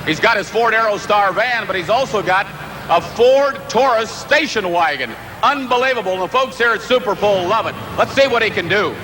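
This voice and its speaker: A man announcing a tractor pull, calling runs with excited, emphatic build-up and interviewing drivers. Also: high-pitched, moderate pace, poor audio. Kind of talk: live motorsport commentary and interviews. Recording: engine and outdoor arena noise.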